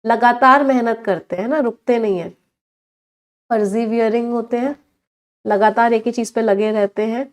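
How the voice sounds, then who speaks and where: A woman with an Indian accent runs a live online exam-prep class. Her voice sits on the higher side. She quizzes the class and spells out each English word slowly and clearly. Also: steady tone. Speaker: English vocabulary teacher.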